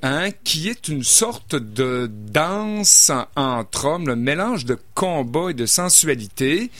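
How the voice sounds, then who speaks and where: A man's voice: fairly high pitch, big pitch swings, takes it slowly, a bit bright, no echo. A man reviewing novels in casual radio chat, hesitant, with many fillers and restarts. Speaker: book reviewer.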